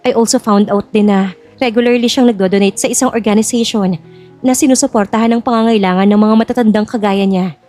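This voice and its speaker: A woman plays Jasmine, an earnest, guarded young bride-to-be worried about marrying a rich old man, in a Filipino audio drama. Her mid-range, darkish voice is steady and fast, close to an everyday voice, and she speaks conversationally over soft background music.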